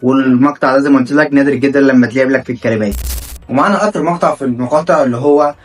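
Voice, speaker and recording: A man with an Egyptian Arabic accent teaching a lesson briskly, repeating each sound slowly for the learner. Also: medium pitch. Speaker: German teacher. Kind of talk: quick language lesson.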